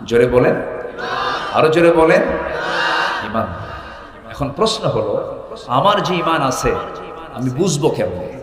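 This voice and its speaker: A man preaching a waz sermon, switching between quiet reflective lines and loud questions he shouts at the crowd for their answer. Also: on the high side. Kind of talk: waz sermon with call-and-response. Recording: echoey hall reverb.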